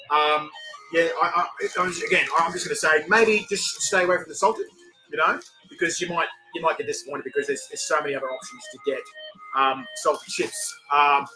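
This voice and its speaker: A man with a New Zealand accent chats casually as a review host. His voice is bright and a little high, with faint music behind it. He rambles and circles back over his phrases. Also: rough recording. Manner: rambling, repeats himself. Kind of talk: casual live review chat.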